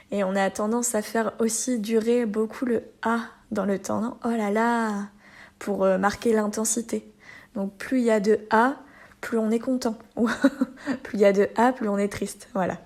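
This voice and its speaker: A French teacher with a mid-range voice and an accent that may be from Normandy hosts a lesson podcast. She explains expressions and acts out lively examples, laughing now and then.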